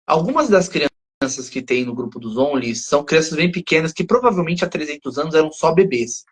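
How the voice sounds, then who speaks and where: A man's voice: on the high side, animated, fairly quick, husky. A man with a Brazilian Portuguese accent, co-hosting a podcast and picking apart a TV plot as he thinks aloud. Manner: analytical, thinks aloud, restarts often. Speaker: podcast co-host. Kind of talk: casual discussion of a TV episode.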